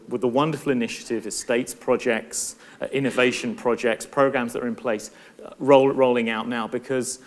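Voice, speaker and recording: Earnest man giving a conference talk. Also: mid-range voice. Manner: earnest, thoughtful, with frequent restarts and repetitions. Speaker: university professor and conference speaker. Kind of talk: conference presentation.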